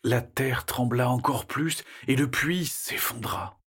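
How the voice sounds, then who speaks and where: Husky man narrating a children's story. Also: mid-range voice, slow pace. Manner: lively storytelling, shifting into character voices.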